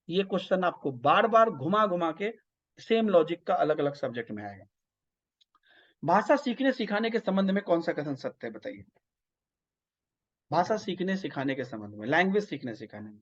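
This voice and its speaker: High-voiced teacher with eastern Hindi-belt accent. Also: male voice. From north India. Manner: explanatory, keeps checking in with listeners. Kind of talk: online exam-prep lecture. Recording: slightly dull lo-fi audio.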